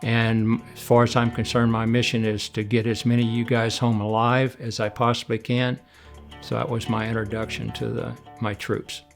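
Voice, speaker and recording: An older man with a gravelly, fry-edged voice, recounting his military years in an even, flat delivery. He talks casually with a few fillers, and soft music plays underneath. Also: medium pitch, moderate pace. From Oklahoma and Oregon, USA. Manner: plain, even-toned recollection with fillers. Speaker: retired Marine colonel, interview guest. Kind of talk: casual storytelling interview.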